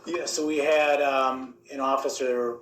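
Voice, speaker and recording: A man's voice: mid-range voice, fairly even intonation, unhurried. A male detective giving guarded, matter-of-fact testimony under cross examination in court. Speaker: police detective testifying as witness. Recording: echoey courtroom with faint noise.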